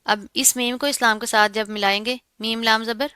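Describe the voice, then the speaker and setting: A woman's voice: on the high side, fairly even intonation, normal speed, pushed and bright, clear, resonant tone, dry recording. A woman teaching Quran recitation, who explains each sound patiently and asks and answers her own questions. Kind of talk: tajweed lesson, explaining and reciting.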